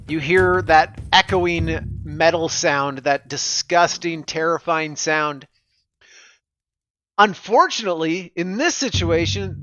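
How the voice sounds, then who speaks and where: A man narrating as the game master of a tabletop game, relaxed and chuckling. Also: on the high side. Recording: music playing behind.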